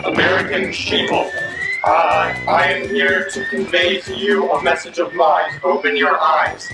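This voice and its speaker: A man speaking through an electronic voice disguise, reading a rambling pirate broadcast message haltingly with many fillers. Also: a little high, completely flat delivery, creaky, echoey room, far from the mic, loud music behind the voice, rough recording. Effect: voice disguised with electronic processing. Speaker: broadcast hijacker.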